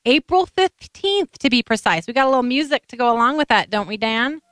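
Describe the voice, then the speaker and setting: A woman's voice: on the high side, expressive, a little fast, fairly bright tone, no room sound. A woman hosting a talk show. She chats casually through a news story, tells it with a lot of emotion and often restarts her sentences.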